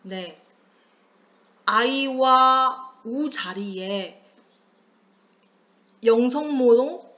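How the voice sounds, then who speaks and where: Female teacher, slow deliberate lecture, asks and answers her own questions, muffled lo-fi recording. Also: fairly high pitch, fairly bright tone. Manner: patient, asks the class questions and answers them herself. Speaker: high school Chinese teacher. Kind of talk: classroom lecture on pinyin.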